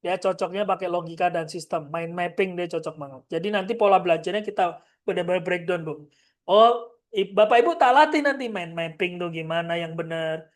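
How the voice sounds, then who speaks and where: A woman's voice: fairly low pitch, fairly quick. Woman, parenting trainer, seminar lecture, direct, firm, addresses the audience. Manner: acts out short parent-child exchanges.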